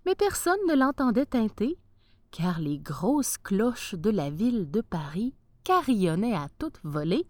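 A woman narrating a children's storybook aloud in an expressive way. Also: medium pitch, measured pace, dry recording.

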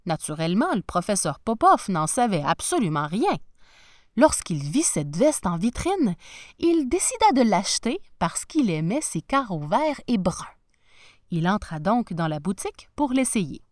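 A woman narrating a children's storybook with an expressive, animated reading voice. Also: medium pitch, measured pace, no room sound, clean studio sound.

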